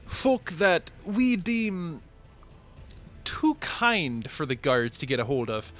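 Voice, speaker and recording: A man's voice: a little high, big pitch swings, slow, a bit bright, faint music behind, voice pushed up, heavily acted. A man voicing a cheery, motherly little dwarf woman apothecary in a tabletop game. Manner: sing-song, calls people honey.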